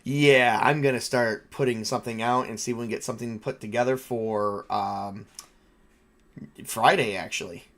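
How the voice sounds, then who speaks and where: Serving as game master for a tabletop role-playing game, this man talks at normal speed in a steady, medium-pitched, slightly bright voice. His casual, off-the-cuff narration and chatter include repeated phrases as he works through his thoughts.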